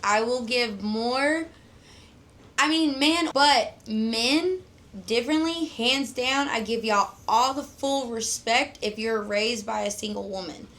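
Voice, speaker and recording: A drunk woman around thirty with a high-pitched voice talks in a loose, casual chat. She rambles and swears freely, putting things bluntly. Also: slow pace, fairly bright tone.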